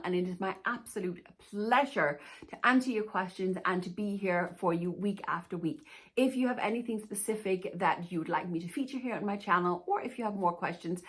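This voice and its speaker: In a casual Q&A vlog, a Danish-born woman who works as a plus-size fashion stylist and YouTuber reassures viewers while chatting through their questions, frequently using "to be honest with you." She has a mid-range, gravelly voice with a fairly bright tone.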